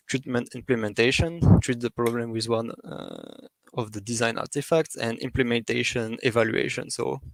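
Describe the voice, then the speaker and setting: Halting man giving a talk, dry sound. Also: medium pitch, no echo. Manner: halting, with many fillers and restarts. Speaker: presenter. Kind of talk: academic presentation.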